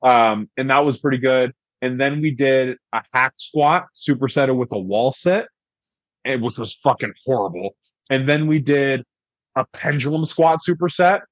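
A man's voice: medium pitch, moderate pace, no echo. A young man on a podcast, telling a story in a loose, rambling way, full of "like" and swearing. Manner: rambling, heavy use of "like", profane. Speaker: podcast guest. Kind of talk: casual storytelling. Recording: dry, dull lo-fi podcast audio.

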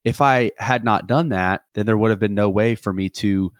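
In his twenties, this man hosts a reflective solo podcast, speaking earnestly and rambling with lots of restarts and fillers. His voice sits lowish and moves at a moderate pace, recorded with studio quality and no echo.

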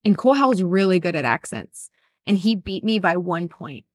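A woman's voice: lowish voice, sing-song, moderate pace, dry recording, studio quality. A woman guest telling stories in a casual podcast chat, laughing often. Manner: giggly storyteller, laughs often.

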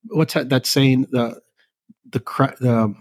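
An older man from El Salvador, a company president talking as a guest in a relaxed, rambling way with many ums and restarts. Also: medium pitch, slow pace. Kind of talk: casual interview chat.

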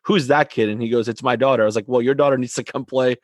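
Man, youth soccer coach, animated storytelling, stops and restarts a lot, mid pitch, dry close sound. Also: fast, no echo. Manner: animated, many restarts and repeated words. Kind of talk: casual storytelling chat.

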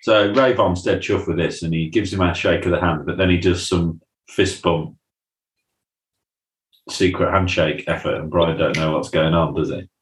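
A podcast co-host chats casually through a recap, often slipping into funny voices to act out lines from scenes. His voice sits low, with fairly even intonation and a moderate pace. The recording has a roomy echo.

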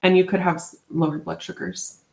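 A woman's voice: lowish voice, flat delivery, fairly quick, vocal fry. A woman co-hosting a podcast, explaining a research study in a casual chat with many fillers and restarts. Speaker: podcast co-host.

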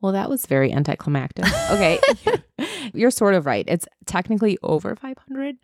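A woman co-hosting a casual faith podcast, retelling a parable with lively, playful character voices. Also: medium pitch, moderate pace, gravelly, no room sound, clean studio sound. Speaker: podcast co-host.

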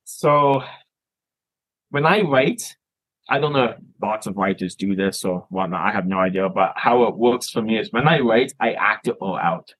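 Husky-voiced man, rambling guest. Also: fairly low pitch, moderate pace, a bit bright, low-quality recording. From Canada. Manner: rambling, repeats and restarts words. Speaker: filmmaker guest. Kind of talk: casual interview chat.

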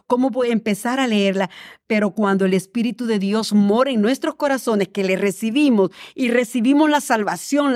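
A woman's voice: a little high, a little mellow. A woman speaking fluently and earnestly in a devotional talk, addressing the listener directly with encouragement about faith.

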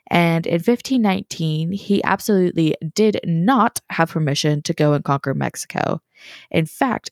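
A woman's voice: deep voice, gravelly, darkish tone, no echo, studio quality. A young woman hosting a casual history podcast, chatty and self-deprecating, sometimes tripping over her words. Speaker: podcast host.

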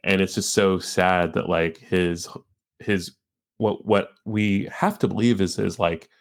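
A man with a deep, low voice chatting on a film podcast. His speech is halting, full of restarts and repeated words. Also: fairly even intonation. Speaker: podcast co-host. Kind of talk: casual film discussion.

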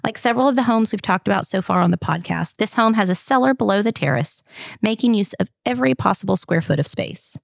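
Gravelly Southern woman podcast host. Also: medium pitch, animated, fast talker, dry recording, studio quality. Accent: Southern US, Kentucky. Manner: chatty, upbeat, jokes. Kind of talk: casual scripted narration.

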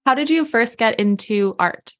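A woman's voice: a little high, expressive, moderate pace. A woman who hosts a podcast and owns a bookshop, asking her guest friendly, chatty questions. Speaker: podcast host and bookshop owner. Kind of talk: podcast interview.

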